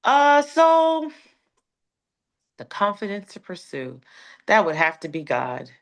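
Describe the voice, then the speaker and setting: Taking it slowly, with a mid-range voice and wildly swooping pitch, a Connecticut woman in her thirties chats informally as an interview guest. She's a gospel recording artist with an American accent.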